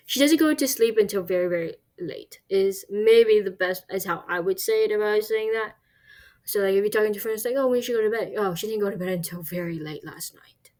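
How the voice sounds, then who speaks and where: A woman teaching a recorded video language lesson, explaining step by step with fillers, restarts and frequent "right?" check-ins. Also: mid-range voice.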